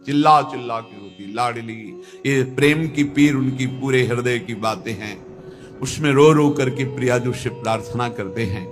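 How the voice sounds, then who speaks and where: A man giving a devotional discourse as a spiritual teacher, slow and emphatic, breaking into chanted verses. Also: medium pitch, a bit bright. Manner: chants Sanskrit verses in a slow sung tone between plain explanation.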